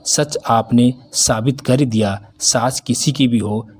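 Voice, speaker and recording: A man's voice: medium pitch, slow, a little mellow, lightly acted. A man voicing a bold young married daughter who reproaches her mother in a storybook. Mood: reproachful. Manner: reproachful, outspoken.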